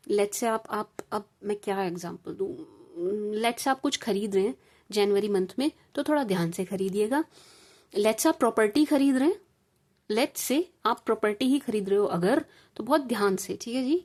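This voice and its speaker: A woman's voice: a little high, darkish tone. A woman from India giving a collective tarot reading in a casual, repetitive, reassuring way, mixing Hindi with English phrases. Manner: calls viewers "sweet sugar gems" and adds "ठीक है जी". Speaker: tarot reader.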